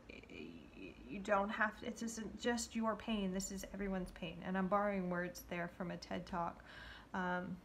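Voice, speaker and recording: Gravelly-voiced woman giving a tarot reading. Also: medium pitch, slight background noise. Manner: gentle, halting, many fillers and restarts. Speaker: tarot card reader. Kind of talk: intuitive card reading to viewers.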